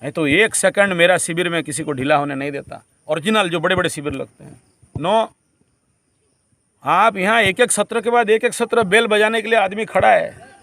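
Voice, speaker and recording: A man's voice: sits high, moderate pace, fairly bright tone, no echo. A man teaching a camp group in a preachy, repetitive way, slipping English phrases into his lecture.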